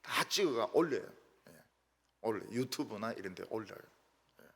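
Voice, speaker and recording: An older man preaching a sermon as pastor, telling stories with lively asides and mimicking how people quarrel in regional dialects. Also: lowish voice, normal speed, a little hiss or hum. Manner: animated storytelling, acts out quarrels in regional dialects. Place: church sanctuary. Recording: reverberant church hall.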